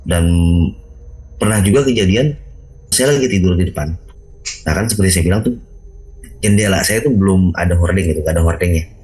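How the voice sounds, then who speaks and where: A man hosting a video call, casually telling his own ghost story in an animated way, acting out sounds with big jumps in his voice. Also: low-pitched, fairly quick, long pauses, low-quality recording.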